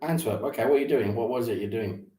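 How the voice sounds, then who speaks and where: A man's voice: mid-range voice, fast, mellow, roomy sound. A man chatting casually and asking lots of follow-up questions. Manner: curious, asks many follow-up questions. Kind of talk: casual chat.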